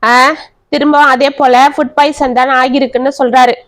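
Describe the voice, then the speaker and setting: A woman's voice: high voice, level tone, a little fast, lightly acted. A woman voicing a stern, suspicious friend. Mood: accusing. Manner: harsh, blunt. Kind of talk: storybook narration.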